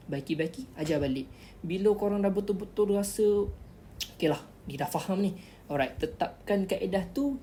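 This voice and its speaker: A woman's voice: fairly low pitch, mellow, a little hiss or hum. A woman giving chatty, instructive tips in a casual tutorial vlog, repeating key words as she explains. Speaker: vlogger giving interview tips.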